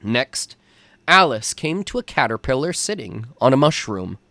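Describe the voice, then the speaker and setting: A tutor reads aloud from a children's storybook, measured and expressive. His voice is medium-pitched and creaky, with no echo.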